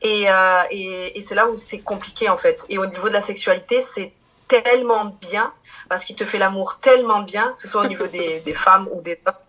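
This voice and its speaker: Guest: a woman in her thirties, casual, chatty, quick to laugh. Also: medium pitch, sharp tone. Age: 30s. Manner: chatty, many fillers and restarts, laughs easily. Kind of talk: casual chat.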